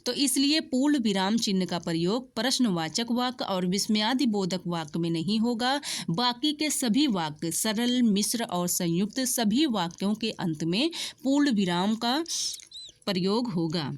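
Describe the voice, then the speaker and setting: A woman teacher giving an exam-prep lesson in a steady explanatory tone, explaining examples one by one. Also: mid-range voice, a little slow. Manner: steady explanatory tone, mixes English words.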